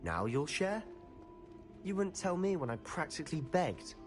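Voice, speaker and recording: A man's voice: on the high side, big pitch swings, unhurried. An actor playing a wry, teasing young male wizard student in video game dialogue, with game music behind. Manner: dry, teasing wit.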